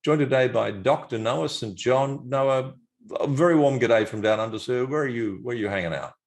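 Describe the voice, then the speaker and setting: A man's voice: medium pitch, moderate pace. A man with an Australian accent hosting an interview podcast, upbeat and playful in an announcer-like way. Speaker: podcast host.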